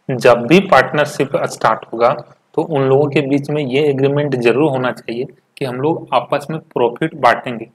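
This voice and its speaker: Husky-voiced man teaching a commerce class. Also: mid-range voice. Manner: explains step by step with frequent "ठीक है" check-ins; reads English textbook lines slowly, then explains them in Hindi. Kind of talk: recorded classroom lecture.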